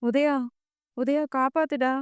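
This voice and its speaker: A woman's voice: a little high, fairly even intonation, normal speed, clear, resonant tone, no echo, studio quality, close to an everyday voice. A woman doing a terrified pleading young woman. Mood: panicked. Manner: pleading, breathless. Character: frightened young woman calling for help.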